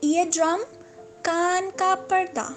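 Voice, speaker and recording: A woman teaching English vocabulary, saying each word slowly, repeating it and correcting common mispronunciations. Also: extremely high pitch, fairly even intonation, faint music behind. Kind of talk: slow, repetitive vocabulary lesson.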